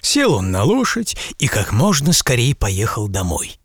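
A man narrates a fairy tale with a lively, rising and falling pitch and a gravelly edge to his voice. The recording is dry and close, with no room sound. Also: measured pace, dry recording. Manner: expressive, animated reading. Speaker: storyteller.

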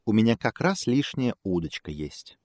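A man voicing a calm, friendly male cat who speaks politely. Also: on the low side, moderate pace, no echo, clean studio sound, voice pushed up. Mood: easygoing.

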